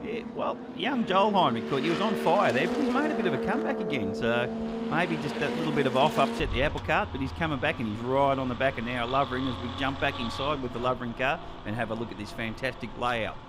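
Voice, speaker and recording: An Australian man works as a motorsport commentator with very loud car noise around his mid-pitched voice. He is chatty and colloquial, and his live commentary is full of enthusiasm. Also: fast talker. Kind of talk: informal live race commentary. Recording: loud engine and trackside noise. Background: racing car noise.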